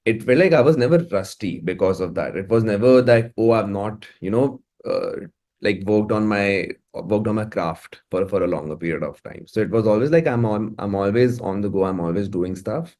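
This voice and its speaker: With a lowish, darkish voice at normal speed, a man with an Indian accent talks casually as an interview guest. He's a musician and music producer, and his informal speech often loops back with repeated and restarted phrases.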